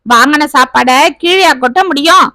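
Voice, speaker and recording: A woman voicing a sharp-tongued, lazy young daughter-in-law who answers back with scorn in a storybook tale. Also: high-pitched, moderate pace, no echo. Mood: defiant. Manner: snappy, scornful, talks back.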